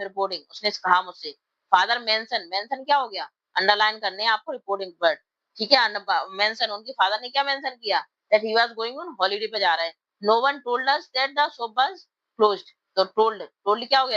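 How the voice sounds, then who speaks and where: A woman English teacher explaining a lesson in Hindi mixed with English. She reads English sentences slowly, then explains them quickly in Hindi. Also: on the high side, sharp tone, no echo, muffled recording.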